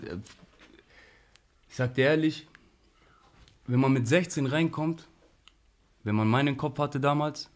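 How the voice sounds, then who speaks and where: A man's voice: on the high side, measured pace, pauses often. Slangy young man telling street stories. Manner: animated, slangy, frequent "Bruder" and "weißt du". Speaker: interview guest. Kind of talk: casual street-slang storytelling.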